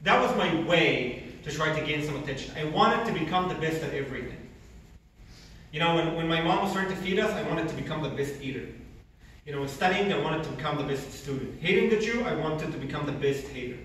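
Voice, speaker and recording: A man's voice: a little high, animated, a little fast, a bit bright, slight background noise. A man, giving an earnest personal testimony with emphatic repetitions. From Egypt. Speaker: speaker. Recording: echoey hall from far off.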